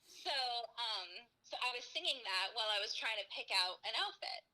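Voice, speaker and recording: A young woman telling a story in a casual chat, animated, laughing and swearing freely. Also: on the high side, normal speed, low-quality recording. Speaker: girlfriend answering viewer questions.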